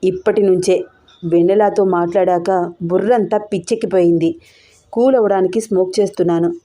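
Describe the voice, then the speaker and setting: A woman voicing a lovesick, insistent young man who speaks in a lowered, pressing voice in an audio story. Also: fairly even intonation, fairly quick, warm tone, lightly acted. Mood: brooding.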